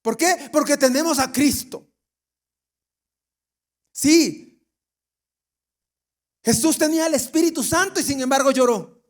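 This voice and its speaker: A man's voice: extremely high pitch, brisk. A pastor with an Ecuadorian accent preaching a sermon, asking the congregation questions and now and then acting out the people he quotes. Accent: Ecuadorian Spanish. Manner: jokes, laughs, mimics people he quotes.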